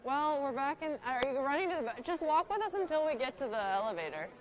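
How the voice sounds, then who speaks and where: A woman's voice: high-pitched, big pitch swings, fast. A young woman streamer chatting casually with viewers as she walks along, upbeat and addressing her audience. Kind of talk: casual live-stream chat.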